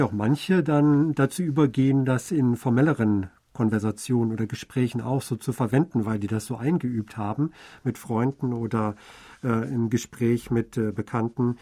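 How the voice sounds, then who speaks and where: Male radio co-host, warm and dark timbre, fluent and measured delivery. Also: medium pitch. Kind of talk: conversational explaining.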